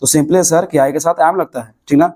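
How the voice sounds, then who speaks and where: A man's voice: fairly high pitch, fairly even intonation, moderate pace, darkish tone. Man teaching grammar in Bihari Hindi. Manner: explains step by step, answers his own questions. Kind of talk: classroom grammar lesson.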